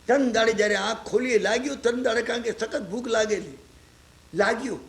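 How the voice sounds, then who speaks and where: A man's voice: extremely high pitch, brisk. A man giving a storytelling religious lecture, constantly checking on his listeners with rhetorical asides. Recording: echoey lecture hall.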